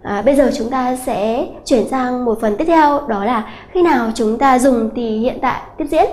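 A woman English teacher giving an exam-prep grammar lesson, explaining slowly and repeating key points with many hesitant fillers. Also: on the high side, a little mellow. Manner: slow, repetitive explaining with many filler "à" sounds.

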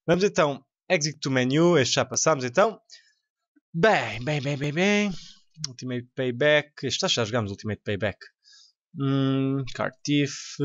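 A young man with a European Portuguese accent, commentating a game excitedly, laughing and swearing often. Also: mid-range voice, muffled recording. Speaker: gaming YouTuber. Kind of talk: let's play commentary.

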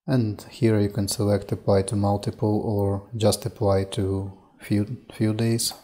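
A software demo presenter walks through a program in a screen-recorded tutorial. He speaks slowly and flatly in a lowish voice, moving unhurriedly step by step with frequent "uh" and "um."

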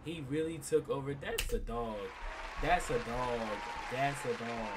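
A young man streams slangy reaction commentary from a small room at home, repeating himself a lot as he mocks what he's watching. His medium-pitched voice is a little slow, set against crowd noise, a noisy background and an anime soundtrack playing behind.

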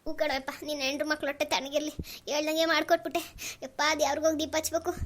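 Woman doing a pious cartoon sister, all teary and full of blessings, high voice. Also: flat delivery, fast talker, a bit bright. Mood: tearful. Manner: emotional, blessing and praying. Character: tearful devoted older sister, pious. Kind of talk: cartoon voice acting.

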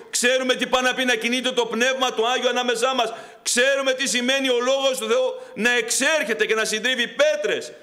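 A middle-aged man preaching a fervent Pentecostal sermon, swinging from loud exhortation to quiet storytelling. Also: extremely high pitch. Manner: fervent preaching, rising loud then dropping to soft storytelling. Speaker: pastor.

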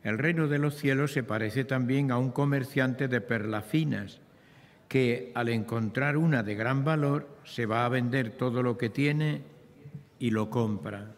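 An older man reading scripture solemnly as a priest, in measured phrases with pauses, his voice carried in a cathedral-like echo. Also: mid-range voice. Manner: measured, pausing between phrases. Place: large open chapel, lectern microphone. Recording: long cathedral-like echo, PA in chapel.

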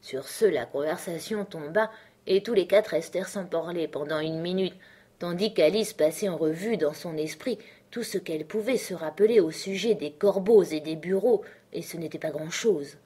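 A woman narrating a storybook in a calm, measured reading voice. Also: fairly low pitch, slightly rough. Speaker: audiobook reader.

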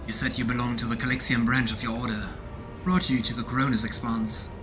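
A let's-play streamer in his thirties comments casually and curiously on a game from a small room at home, musing and reading the game text aloud. His medium-pitched voice barely varies, his pace is brisk, and music plays behind him.

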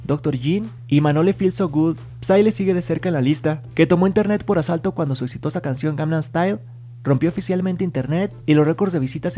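A man from a Spanish-speaking background reads scripted entertainment news like a voice-over. His tone is mellow and warm, pitched a little high, and his delivery stays even.

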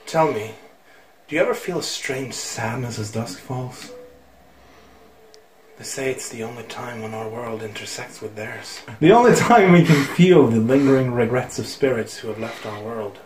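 A man voicing a solemn grown man from a village, reading game dialogue in a hushed, slow way, recorded on a phone camera in a room. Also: mid-range voice, animated, echoey room, natural voice.

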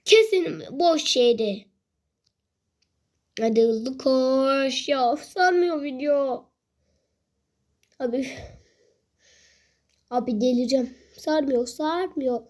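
A woman giving casual commentary while playing a game, impatient and grumbling, repeating herself and shouting excitedly when a fight starts. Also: high-pitched, takes it slowly, pauses often. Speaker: gamer.

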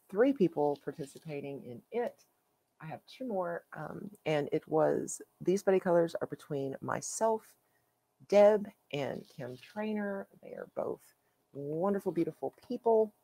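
Low, mellow woman host, unhurried, casual show-and-tell chat. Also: expressive, slightly rough. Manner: chatty, halting with fillers. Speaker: coloring channel host.

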